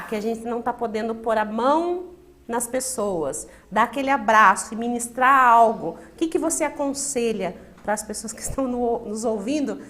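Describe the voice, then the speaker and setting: Bright, fairly high Brazilian woman interviewer. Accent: Brazilian Portuguese. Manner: affirming, frequent tag "né?". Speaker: interviewer host. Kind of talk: interview with affirming comments.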